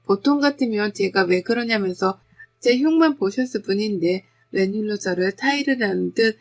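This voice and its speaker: Woman, middle-aged, first-person story narration, steady confessional tone, mid pitch. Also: moderate pace.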